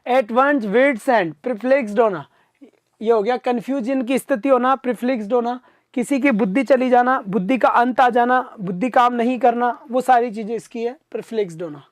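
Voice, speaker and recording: A man teaching an exam-prep vocabulary class live online, coaxing his students to answer quickly and replying to their comments. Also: extremely high pitch, dry recording, clean studio sound. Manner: reads out viewer comments and answers them.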